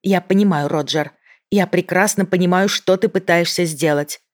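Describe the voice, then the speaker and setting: Pitched above the performer's own voice and lightly acted, this medium-pitched audiobook delivery moves at a moderate pace. It portrays a tense female federal agent negotiating with a bomber, steadying her voice while sounding controlled, pleading, and restrained.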